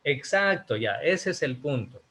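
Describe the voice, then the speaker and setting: A man's voice: mid-range voice, lively intonation, measured pace, sharp tone, breathy edge. A man from Ecuador, teaching an online class over a video call and speaking emphatically, putting rhetorical questions to his students.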